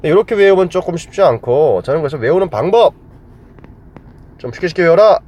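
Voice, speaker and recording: Playful, lively-voiced male English teacher. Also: fairly high pitch, fairly quick. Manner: playful, joking mnemonics, quizzing the class. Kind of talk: classroom grammar lecture.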